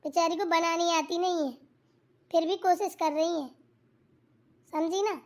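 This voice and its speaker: Lady doing a super high cartoon nanad, bossy and chatty. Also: fairly even intonation. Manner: quick, bossy, advising. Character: young sister-in-law, bossy, meddling, chatty. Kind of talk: cartoon voice acting.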